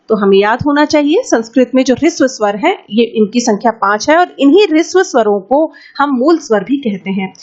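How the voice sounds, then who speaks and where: A woman teaching an exam-prep Sanskrit lesson, asking questions and answering them herself, sometimes drawing out vowel sounds slowly. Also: high-pitched. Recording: slightly dull, lo-fi audio.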